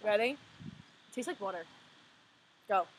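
A young woman vlogging with a friend in casual chat, expressive and slangy, squealing and laughing. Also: medium pitch, measured pace, slight background noise.

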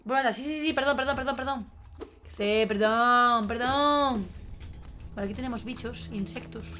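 Excitable Spanish woman streaming a game. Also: on the high side, normal speed. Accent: Spain Spanish. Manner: excitable, exclamatory, swears often. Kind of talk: live gameplay commentary. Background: faint game music.

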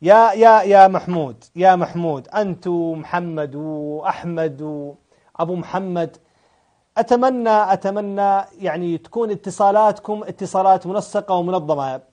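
A man hosting a live call-in show, pressing callers with rapid questions. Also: high-pitched, mellow. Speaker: talk show host.

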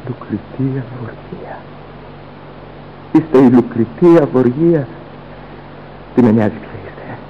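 An actor playing a young son crying out in grief. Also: male voice, medium pitch, pauses often, lo-fi sound, a little hiss or hum, lightly acted. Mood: grieving. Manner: anguished, pleading outbursts. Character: young man, horrified and grieving son. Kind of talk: theatrical radio drama acting.

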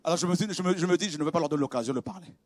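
A man preaching a sermon as pastor, swinging from quiet, conversational confiding to shouted exclamations, with laughs and repeated words. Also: a little high, very fast, no echo.

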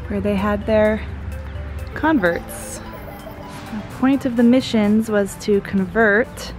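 A woman in her thirties vlogging on a rainy day, explaining history in an easy conversational way, recorded on a handheld camera. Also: mid-range voice. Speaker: travel vlogger. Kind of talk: casual travel vlog narration. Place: outdoors at historic missions on a rainy day, also inside a stone chapel.

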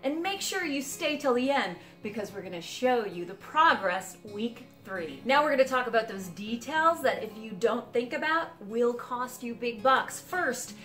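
A woman in her forties hosts a home renovation series, speaking in a polished, upbeat presenter voice set a little high. She walks through a gutted house and records on a lapel mic. Light music plays faintly under her. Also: a bit bright. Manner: upbeat, clear presenter delivery. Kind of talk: scripted presenting to camera.

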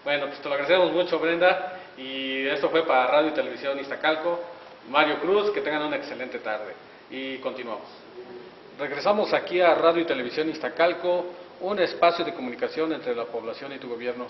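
With a slightly high voice and a somewhat quick delivery, this middle-aged man interviews guests for community TV, effusive, congratulatory, and heavy on fillers, handheld mic in hand. The setting is an indoor auditorium hallway paneled in wood, and the faraway recording comes across echoey and dull, with slight background noise.

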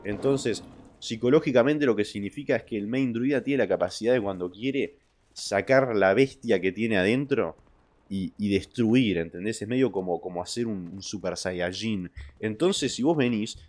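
A young man with an Argentine Spanish accent and a lowish voice, streaming and reading out viewer messages. His delivery is crude and jokey, full of trash talk. He jumps between loud outbursts and low mutters. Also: moderate pace. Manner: crude, joking, trash-talking. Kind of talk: casual livestream chat reading viewer messages.

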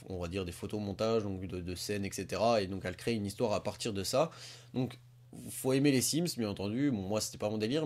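A man's voice: medium pitch, darkish tone. A man hosting a casual video, commenting on old clips in a rambling, crude way, full of fillers. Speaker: YouTuber host.

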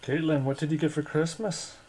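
A woman's voice: sits low, steady tone, brisk, darkish tone, breathy edge, low-quality recording. A woman in a casual home video, asking a small child playful, teasing questions.

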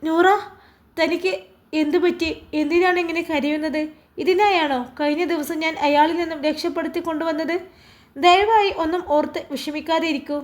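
A woman voicing a concerned man who speaks gently and earnestly, in her own high voice. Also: fairly even intonation, moderate pace. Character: man, a concerned, caring boss.

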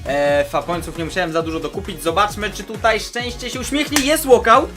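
A high-pitched man with a voice gone hoarse from a starting sore throat narrates eager gaming commentary, exclaiming as each card turns up. Soft music hums faintly underneath. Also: a little fast. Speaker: gaming channel host. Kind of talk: excited pack-opening commentary.

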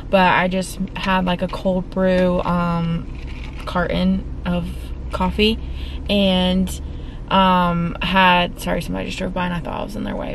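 Woman, 20s, casual vlogger, rambling filler-heavy chat, camera at arm's length, noisy car background. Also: medium pitch. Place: inside a car and outdoors at a campground. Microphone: handheld camera at arm's length. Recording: noisy car and outdoor ambience.

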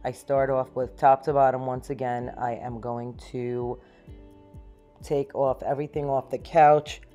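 A woman in her thirties talks through her housework in a clean-with-me vlog, upbeat and matter-of-fact as she explains each step. Her voice sits unusually deep for a woman. Soft music plays faintly under her words in a small home. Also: level tone, a little slow, muffled recording. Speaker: cleaning vlogger. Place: small home, living room and pantry.

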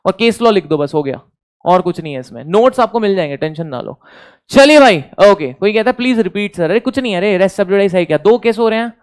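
A man's voice: high-pitched, expressive, fast talker, smooth. A man with an Indian accent teaching an exam revision lecture, repeating key points, quizzing his students and joking with the class. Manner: jokes with the class.

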